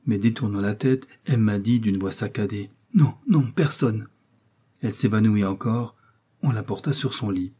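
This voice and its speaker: Low husky male audiobook narrator. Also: steady tone, mellow. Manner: measured, grave storytelling.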